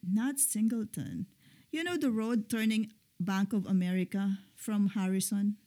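A middle-aged woman co-hosting a casual chat show, talking slowly and hesitantly with frequent pauses. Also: medium pitch, warm tone. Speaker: podcast co-host.

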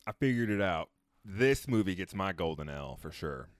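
A man's voice: low voice, lively intonation, normal speed, dry recording, clean studio sound. A man co-hosting a casual movie podcast, trading crude jokes and blunt verdicts. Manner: crude, laughing banter. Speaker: podcast co-host. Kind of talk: casual movie review chat.

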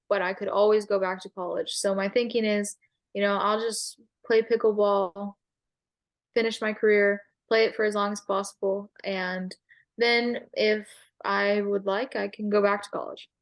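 A woman's voice: medium pitch, little pitch movement, normal speed. Teen girl guest, upbeat and giggly, casual storyteller, mid-range voice. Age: teens. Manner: bubbly storyteller, laughs often. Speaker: guest athlete. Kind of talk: casual interview chat.

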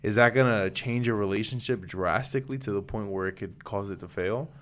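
Man, podcast co-host, opinionated, earnest, debating, somewhat low voice. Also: fairly quick. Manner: earnest, opinionated, lays out arguments. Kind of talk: casual podcast discussion.

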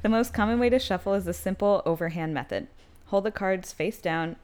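A woman's voice: mid-range voice, brisk, darkish tone, clean tone. A young woman co-hosting a podcast, reading tarot guide instructions aloud with chatty asides and easy laughs. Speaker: podcast co-host.

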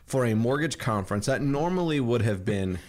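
A man's voice: medium pitch, expressive, brisk, darkish tone. A man hosting a podcast from his kitchen, chatting and telling stories in a rambling way. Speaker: podcast host. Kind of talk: casual chat. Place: home kitchen.

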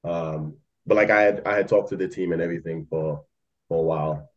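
Over a muffled recording, a young man who grew up in Malaysia talks fairly quickly in a low-pitched voice. He's an algo trader appearing as a podcast guest, and his casual chat rambles with many fillers and laughs.

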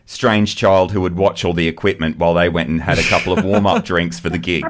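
Excitable man, radio host. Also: sits low, brisk, slight background noise. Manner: excitable, gushing, laughs often. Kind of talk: enthusiastic casual radio chat.

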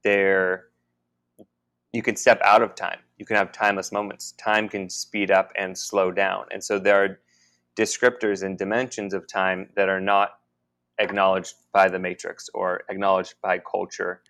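A man co-hosting a podcast, talking in a halting, musing way with many restarts. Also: sits low, little pitch movement, a bit bright. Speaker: podcast co-host. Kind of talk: casual spiritual conversation.

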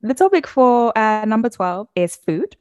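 A woman's voice: on the high side, sing-song, unhurried, clean tone. A woman in her thirties hosts a casual podcast. She asks her guest playful, quiz-style questions in an easy, conversational way. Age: 30s. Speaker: podcast host.

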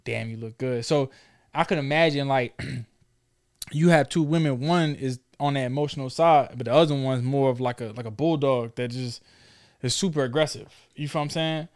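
A talk show host in his thirties leads a casual conversation in a medium-pitched, slightly mellow voice at normal speed. His style is informal, slangy, and probing.

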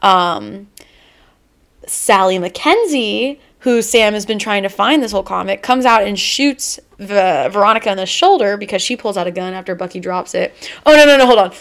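A woman in casual podcast chat, rambling happily through a plot summary. She keeps dropping into the characters' quoted lines. Her pitch sits in the middle. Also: lively intonation, normal speed. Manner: rambling retelling, acting out quotes. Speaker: podcast co-host.

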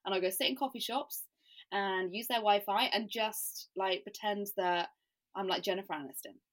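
A woman's voice: medium pitch, moderate pace, a bit bright. A woman from England, chatting as a podcast guest with plenty of "like" and self-deprecating laughs. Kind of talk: casual podcast conversation.

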